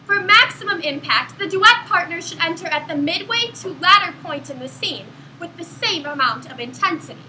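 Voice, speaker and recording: Very high, bright-voiced woman. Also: expressive, slight background noise, poor audio. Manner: mock-instructional, brisk. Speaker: student performer. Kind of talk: comedy skit.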